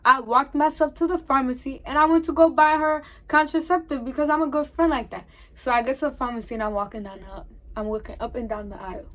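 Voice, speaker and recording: A young woman telling a storytime vlog in an animated way, acting out the dialogue. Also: high-pitched. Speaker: vlogger.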